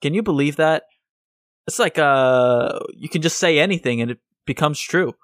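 A man's voice: a little high, normal speed, no echo, clean studio sound. A man hosting a casual podcast over an online voice call, joking, rowdy and swearing freely. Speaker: podcast host. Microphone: voice chat over an online call.

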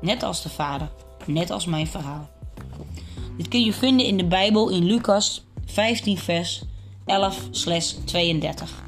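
A woman calmly and clearly reading children's Bible stories and picture books aloud. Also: on the low side, unhurried. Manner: calm, clear storybook reading. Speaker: storyteller. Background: faint music.

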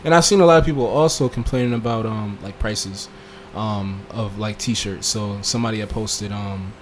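A man co-hosting a casual podcast, talking in a relaxed, repetitive way. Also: fairly low pitch, moderate pace, noisy background. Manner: relaxed, repeats words, drifts quieter. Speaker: podcast co-host. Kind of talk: casual chat.

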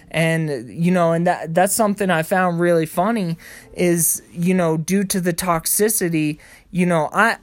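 Here a young man, his pitch fairly high, tells his own story bluntly and casually over a dry, echo-free recording. His profane rant centers on family frustrations, and he imitates his parents by raising his voice.

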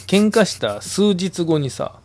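A teasing man in his forties with a Kansai accent, telling old stories to a friend. He acts out what people said, and his voice swings up and down with lively energy. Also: high voice, slow pace, slight background noise. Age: 40s. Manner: teasing, animated storyteller acting out quotes, laughs easily. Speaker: podcast co-host. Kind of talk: casual late-night chat among old friends.

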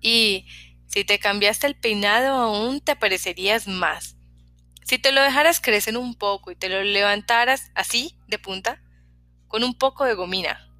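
Chatty young hairdresser, prying and lively, bright tone ; a woman reader doing her. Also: mid-range voice, a little slow, no room sound, faint music behind. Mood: teasing. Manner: talkative, prying, lively questions.

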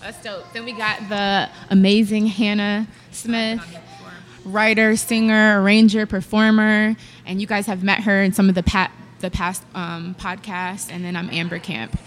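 A woman's voice: medium pitch, little pitch movement, measured pace. Upbeat woman hosting over faint music. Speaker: podcast host, singer. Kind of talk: casual conversational hosting.

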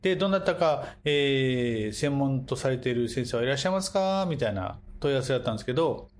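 Lively joking man with Kumamoto accent. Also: medium pitch, quick pace. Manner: joking, slips into broad dialect. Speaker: acupuncturist and podcast host. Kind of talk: casual podcast chat.

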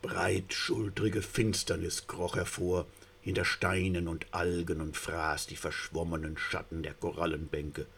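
A man narrating a story in a theatrical reading, moving between hushed and rising tension. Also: deep voice, level tone, a little slow, creaky, husky.

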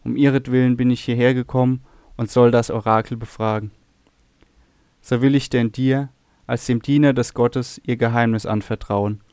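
A man's voice: medium pitch, darkish tone, smooth, no room sound, clean studio sound, lightly acted. A man voicing a troubled noble queen, speaking sadly and guardedly. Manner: sad, guarded.

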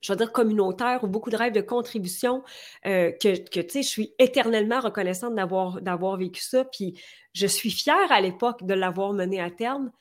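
A woman's voice: mid-range voice, fairly quick. A woman in her forties with a Quebec French accent, earnestly talking as a guest in an interview and firing off rhetorical questions. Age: 40s. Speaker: podcast guest. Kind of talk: conversational interview.

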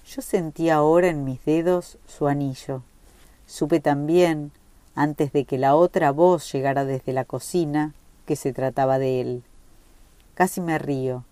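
A woman reading a short story aloud in a measured, reflective way. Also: sits low, mellow, dry recording. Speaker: reader.

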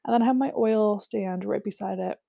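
A woman's voice: medium pitch, a little fast, vocal fry, mellow. A young woman casually walking through a product kit and its prices, chatty with many fillers. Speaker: essential oil seller.

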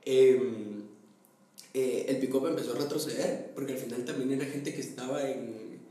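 Young Guatemalan man, animated storyteller, distant mic, roomy echo. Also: medium pitch, moderate pace. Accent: Guatemalan Spanish. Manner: animated storyteller, laughs often, acts out family members. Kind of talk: casual chat. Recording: echoey room, voice a bit off-mic, faint ambience.

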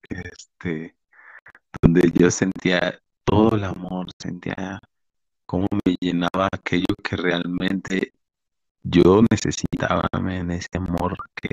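A young man sharing a heartfelt personal faith testimony in a halting way, with casual slang. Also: low-pitched, creaky, no room sound, poor audio.

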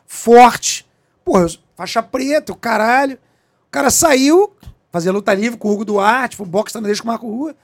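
A man's voice: very high-pitched, moderate pace. A middle-aged man from Brazil, a police chief, telling a story as an interview guest in a profane, emphatic way. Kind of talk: animated storytelling in a podcast interview.

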